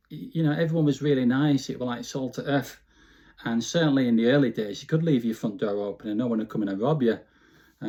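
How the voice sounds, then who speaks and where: In an interview, a Bolton-accented man in his fifties warmly recalls the past in a medium-pitched voice. He's casual and chatty, frequently adding "you know," and hails from Bolton, Lancashire, England.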